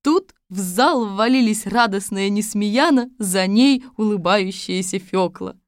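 A woman narrating a storybook chapter in a clear, even storytelling manner. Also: mid-range voice, a little slow, dry recording, studio quality.

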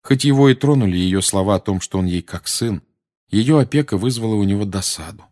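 A man's voice: fairly low pitch, animated, a little fast, darkish tone. A man narrating an audiobook expressively, giving each character a voice. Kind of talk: audiobook reading.

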